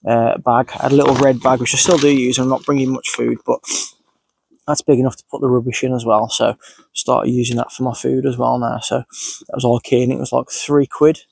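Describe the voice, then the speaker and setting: A man's voice: medium pitch, level tone, brisk, vocal fry, a little mellow, slightly rough, no room sound, poor audio. A man sniffly with a cold, casually narrating his outdoor cooking as he goes, unscripted. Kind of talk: casual, unscripted narration while doing tasks. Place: outdoors in countryside.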